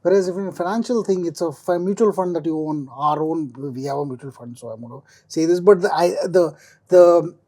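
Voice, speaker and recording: A man's voice: a little high, brisk, warm tone. A man speaking informally as a finance commentator on a panel, explaining things by acting out imagined quotes.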